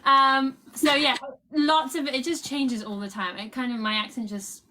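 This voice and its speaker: A woman's voice: sits high, flat delivery, moderate pace, sharp tone, slight background noise, rough recording. A woman from Stratford-upon-Avon, co-hosting and chatting in an easygoing, self-deprecating way. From Stratford-upon-Avon, England. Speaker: podcast co-host. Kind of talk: casual interview chat.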